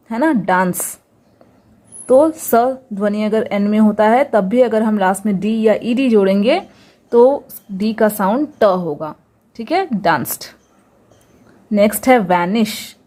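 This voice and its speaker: This woman's voice is fairly high in pitch yet dark in tone. She teaches English pronunciation in Hindi, patiently going over every example word again and asking rhetorical questions.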